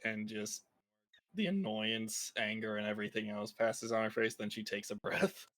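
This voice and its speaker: A man's voice: lowish voice, lively intonation, moderate pace, fairly bright tone, no room sound. A man playing in a tabletop game, speaking hesitantly with stammers. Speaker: player. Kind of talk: tabletop role-play.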